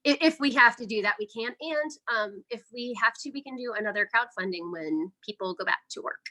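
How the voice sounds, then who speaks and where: An indie horror filmmaker and podcaster talks casually and enthusiastically as a guest in a promotional interview about her projects. Her voice is fairly high, bright, and forceful, and she speaks fairly quickly.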